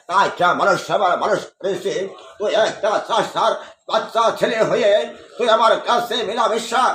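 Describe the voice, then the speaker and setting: A Bangladeshi man acting a wrathful, haughty lord in hammy, declamatory folk-theatre style, threatening with drawn-out cries. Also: high-pitched, sharp tone, exaggerated voice. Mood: indignant. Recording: roomy, hissy amateur recording.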